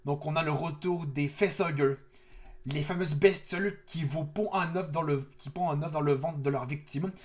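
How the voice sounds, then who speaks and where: A man's voice: fairly high pitch, normal speed. A man hosting a casual trailer reaction video, talking eagerly with frequent restarts. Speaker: YouTube reaction host.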